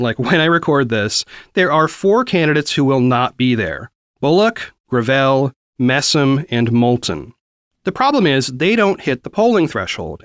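A man hosting a news podcast, explaining things clearly in a conversational scripted style with small asides. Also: mid-range voice, fairly bright tone, no room sound, studio quality. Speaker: podcast host.

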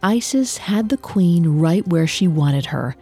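A woman narrates a myth in a mellow, fairly low voice. Her storytelling is measured and scripted, with faint music underneath. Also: animated, husky.

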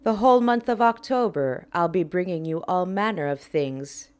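A woman podcast host delivering a scripted intro in an ominous, drawn-out, theatrical horror-host manner. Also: fairly low pitch, slight background noise.

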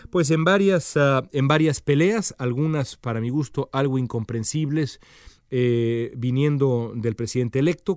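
A man's voice: mid-range voice, darkish tone, no echo, studio quality. Hesitant man giving political commentary. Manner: measured, with frequent hesitant fillers. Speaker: political commentator and show host.

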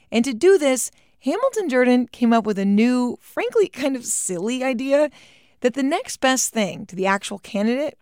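A woman's voice: on the high side, no room sound, clean studio sound. Wry woman narrating a documentary podcast. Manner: conversational, wry and lively. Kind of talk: scripted narration.

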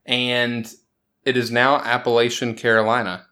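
A man's voice: mid-range voice, flat delivery, bright, forceful tone. Wry man reading sports scores. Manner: quick, joking, laughs often, reads scores with sarcasm. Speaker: podcast host. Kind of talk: casual sports chat.

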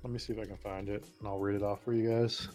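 Hosting a fantasy football draft stream, this Boston-area American talks fast in a lowish, darkish, flat voice, with faint music behind him. His live commentary is casual and informal, full of free swearing.

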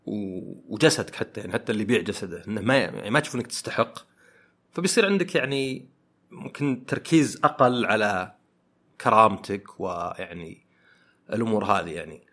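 A man hosting a podcast, talking through ideas in a thoughtful way and often pausing to search for words. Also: fairly low pitch, animated, fairly bright tone. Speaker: podcast host. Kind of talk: reflective podcast monologue.

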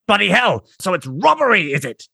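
A man's voice: medium pitch, sing-song, moderate pace, husky, no room sound, clean studio sound, voice pushed up, heavily acted. A man voicing a furious blustering noble commander. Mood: outraged. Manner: outraged, shouting threats.

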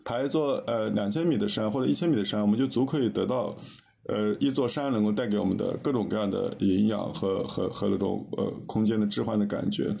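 A man's voice: on the low side, fast, creaky, warm tone, breathy edge. A man speaking as a literary critic on a podcast, earnest and hesitant, often restarting his sentences. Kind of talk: casual discussion.

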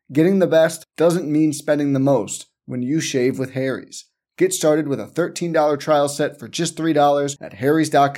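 A man's voice: a little high, darkish tone. A man delivering a scripted advertisement read. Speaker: advertisement reader.

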